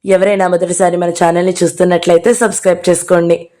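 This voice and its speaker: A woman reading a novel aloud in steady, clear scripted narration. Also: fairly low pitch, quick pace. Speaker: audio novel reader.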